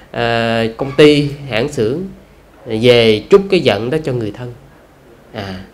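A man, a Buddhist monk with a Southern Vietnamese accent, giving a conversational dharma talk full of rhetorical questions and drawn-out "à" fillers. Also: mid-range voice.

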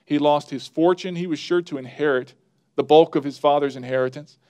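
This is a male pastor delivering a sermon in a plain, earnest, conversational way. His voice sits slightly higher than most men's. He leans into key phrases with rising emphasis. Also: fairly quick, dark tone, clear, resonant tone.

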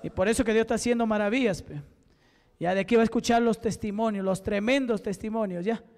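Very high, clear voice of a fervent Peruvian man. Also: fast talker, in a large hall. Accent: Peruvian Spanish. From Peru. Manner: fervent, repeated shouted commands to demons. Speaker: deacon. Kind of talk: deliverance prayer at a church service. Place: church service.

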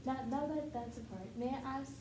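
A woman's voice: sits high, fairly quick, lightly acted. A young woman playing a polite family counselor who hesitates with many ums, in a student skit. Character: calm, patient family counselor. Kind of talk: student skit role-play. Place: classroom with a table. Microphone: far camera. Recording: echoey room, background noise.

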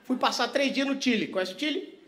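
A male stand-up comedian works the crowd, teasing and swearing, swinging from quiet asides to loud laughing bursts. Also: very high-pitched, fairly quick, slight background noise. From Vitória, Brazil. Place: comedy stage before a live audience.

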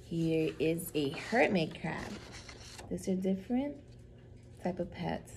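Preschool teacher, female, slow and very melodic storytime read-aloud. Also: lowish voice, animated, vocal fry, slight background noise, low-quality recording. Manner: gentle, slow, sing-song storytime delivery. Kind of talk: reading a picture book to young children.

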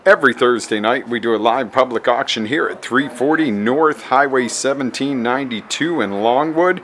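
Walking through an auction showroom with a handheld camera mic, the male host gives an upbeat promotional pitch, going over times and addresses more than once. He talks at a moderate pace in a somewhat bright voice, and there's a little hiss or hum.

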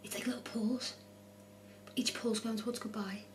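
A woman's voice: little pitch movement, moderate pace. A woman in her twenties talking casually during a séance for a vlog. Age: 20s. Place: dim indoor room at night. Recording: low hum, faint noise.

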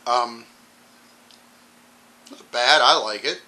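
A man with clogged sinuses casually reviewing a hot sauce on his channel, rambling with ums and clearing his throat often. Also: medium pitch, extremely slow, pushed and bright, rough recording.

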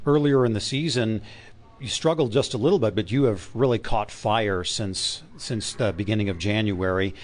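Male team-channel interviewer, somewhat low voice, polite postgame questions. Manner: polite, with halting restarts.

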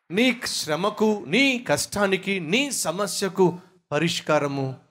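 A male pastor preaching a sermon, driving his points home with emphatic, repeated rhetorical questions. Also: on the high side.

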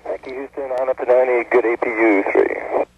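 A man's voice: mid-range voice, level tone, a little fast, highs cut off. Astronaut, male, curt read-backs, thin crackly space radio with faint hiss. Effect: breaking-up space-to-ground radio. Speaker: shuttle crew member radioing mission control. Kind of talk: clipped radio acknowledgments.

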